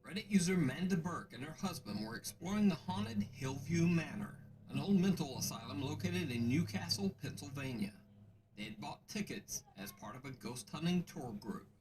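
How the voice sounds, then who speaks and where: A man giving scripted narration of creepy stories in a measured, hushed storytelling delivery. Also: on the high side, expressive, slight background noise, poor audio. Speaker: narrator of a scary video countdown.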